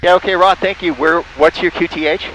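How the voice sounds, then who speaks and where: A man with a slightly high voice and fairly even intonation talks briskly as he casually narrates a flight from a small plane's cockpit. He makes amateur radio calls, spelling callsigns phonetically, and faint engine noise sits in the background.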